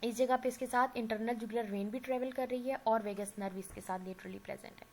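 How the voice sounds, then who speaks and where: A woman's voice: on the high side, fairly even intonation, brisk, darkish tone, rough recording. A woman with a sore throat giving an anatomy lecture, explaining patiently, checking in with her students and mixing in English medical terms. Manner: explanatory, often checks in with "theek hai". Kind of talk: recorded classroom lecture. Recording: faint background noise.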